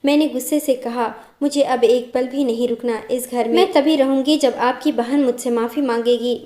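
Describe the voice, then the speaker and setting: Woman telling a story in a roomy space, soft dark tone, kinda high. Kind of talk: first-person story narration.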